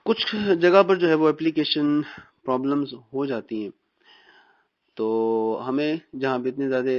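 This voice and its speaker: A man from Pakistan teaching Quran reading in a recorded lesson, patiently explaining and drilling letter sounds slowly. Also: mid-range voice. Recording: dull, muffled recording.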